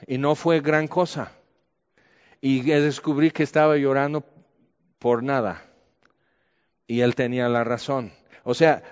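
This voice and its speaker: Candid Mexican preacher in an echoey hall. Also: male voice, on the high side, clean tone. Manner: colloquial and candid, lively asides. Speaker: pastor. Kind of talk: conversational sermon. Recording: echoey hall, dull lo-fi sound.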